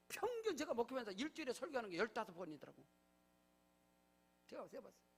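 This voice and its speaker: A middle-aged male pastor preaching a sermon in a church, with emphatic swings between low asides and loud proclamations. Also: breathy edge. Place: church sanctuary.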